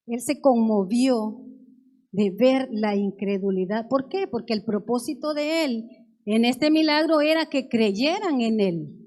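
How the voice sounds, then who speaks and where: A woman preacher reads scripture aloud in a church, verse after verse, pausing to explain each one earnestly. Her voice sits high and she takes her time, letting each phrase land slowly. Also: a little mellow. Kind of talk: sermon with Bible reading.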